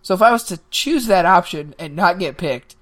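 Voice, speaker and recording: Lively, rambling young man joking around. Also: high voice, moderate pace. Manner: rambling, jokey, animated. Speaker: podcast co-host. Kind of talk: casual banter.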